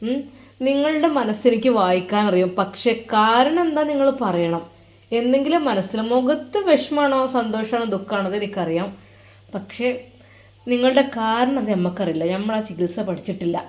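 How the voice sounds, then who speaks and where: A woman voicing a kindly, affectionate old male religious teacher who coaxes and questions gently. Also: a little high, animated, moderate pace, close to an everyday voice. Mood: coaxing. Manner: coaxing, tender, questioning. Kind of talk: storytelling.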